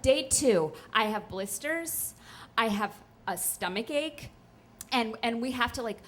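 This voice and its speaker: A woman's voice: a little high, animated, unhurried, a bit bright, slight background noise. Chatty young woman telling a comic story. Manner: chatty, self-deprecating, full of "like" and "um". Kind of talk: live comic personal storytelling. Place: stage at a live storytelling night.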